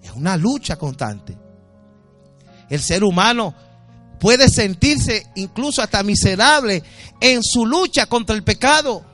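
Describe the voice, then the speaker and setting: Man preaching with sweeping highs and lows. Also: animated, a little slow, soft background music. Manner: swings between loud high exhortation and low quiet asides. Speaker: pastor. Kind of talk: sermon.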